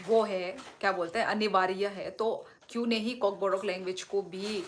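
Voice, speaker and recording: A woman's voice: medium pitch, fairly even intonation, moderate pace, slight background noise. A young woman from Tripura, a native Kokborok speaker, chatting casually on a phone livestream, eating and answering viewer comments in a playful, talkative way. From Tripura, northeast India. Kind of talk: casual live chat, reading viewer comments.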